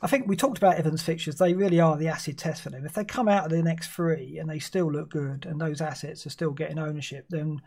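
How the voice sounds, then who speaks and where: Co-host, man, fairly high voice, lively football chat. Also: fast talker, vocal fry, hardly any pauses. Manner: lively, asks tag questions. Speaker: podcast co-host.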